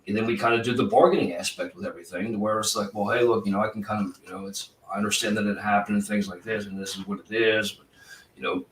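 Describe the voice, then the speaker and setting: A retired police officer talking in a casual podcast conversation, intense and profane, rambling with many fillers. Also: male voice, fairly low pitch, steady tone, fast talker, a bit bright, a little hiss or hum. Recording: roomy, distant from the mic.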